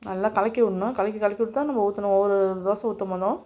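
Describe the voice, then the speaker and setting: Fast-talking and dark-toned, with medium pitch, a woman hosts a cooking channel where she demonstrates home cooking. She addresses viewers directly, giving homely step-by-step instructions.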